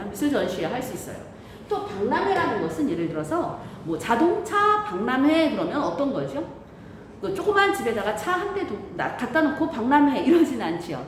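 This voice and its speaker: A woman teacher speaks through a face mask in a very echoey room with clear background noise. Her voice moves up and down in a lively way as she explains the lesson, posing questions and answering them herself. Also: high-pitched. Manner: didactic, often asking and answering her own questions. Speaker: English grammar teacher.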